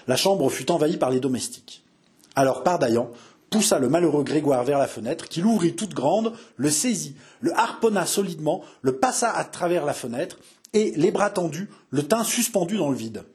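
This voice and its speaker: A man narrating a historical novel as an expressive, theatrical reading. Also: a little high, normal speed. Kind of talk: scripted audiobook narration.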